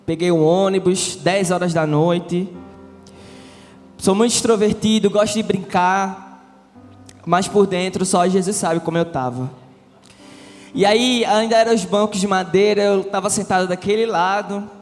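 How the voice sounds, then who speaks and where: A man's voice: sits high, fairly even intonation, a little slow. A young man with a Brazilian Portuguese accent gives a church testimony, telling his story with humor and acting out the dialogue. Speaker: church member giving testimony. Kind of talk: testimony before a congregation. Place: large church hall during a vigil. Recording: reverberant hall with faint music.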